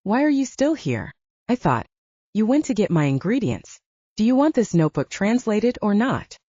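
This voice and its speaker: A woman's voice: medium pitch, sing-song, normal speed, dark tone, husky, no echo, voice pushed up. A woman voicing a flustered, sleepy male wizard scholar who speaks in a groggy, incredulous way. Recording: dull lo-fi.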